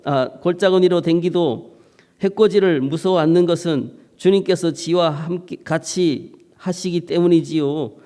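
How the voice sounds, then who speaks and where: Pastor doing homespun Chungcheong dialect reading; mellow tone, long hall reverb. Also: male voice, on the high side, smooth, lightly acted. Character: man reciting a psalm in Chungcheong dialect.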